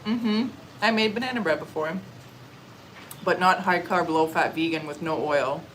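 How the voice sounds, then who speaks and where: This relaxed young woman from Ontario, Canada, is a vlogger chatting casually on a livestream and reading viewers' comments. Her voice sits fairly low and moves at a moderate pace, and she eats on camera with little murmurs of enjoyment. She seems to be outdoors or in an open space in a warm country, with slight background noise and poor audio.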